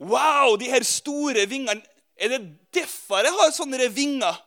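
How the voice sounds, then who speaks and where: A man's voice: extremely high pitch, animated, sharp tone, pitched above the performer's own voice, full character voice. A man voicing a young male eagle raised among chickens, who is discovering his wings and crying out in wonder. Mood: amazed. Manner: awestruck exclamations.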